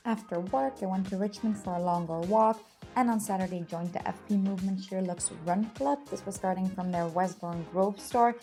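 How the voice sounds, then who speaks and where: A woman's voice: mid-range voice, normal speed. Upbeat woman vlogging over music. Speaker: lifestyle vlogger. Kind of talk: casual vlog narration and haul chat.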